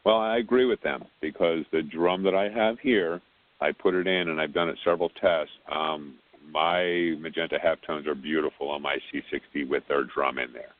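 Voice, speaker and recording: Very deep man over a phone line. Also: fairly even intonation, moderate pace. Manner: rambling, repeats words. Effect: heard over the phone. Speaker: technical support lead on a conference call. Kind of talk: casual briefing.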